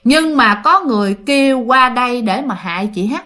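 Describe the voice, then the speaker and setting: A woman's voice: on the high side, expressive, normal speed, sharp tone. A woman telling a ghost story in a chatty, casual way, often speaking to her listeners. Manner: chatty, addresses listeners, many fillers.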